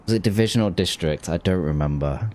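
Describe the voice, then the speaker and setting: A deep-voiced man talks quickly in a slightly mellow tone while streaming a game, chatting casually with his chat. He rambles and often restarts his sentences.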